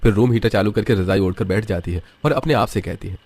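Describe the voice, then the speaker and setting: A man's voice: lowish voice, quick pace, a little mellow. A man narrating a cartoon story in a plain, scripted storytelling style.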